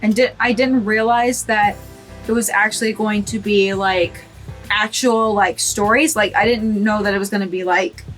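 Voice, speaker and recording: Faint music plays behind a young woman's medium-pitched, slightly bright voice as she delivers casual let's play commentary at a moderate pace and steady tone. This gaming creator gushes, giggles and sounds teary-eyed.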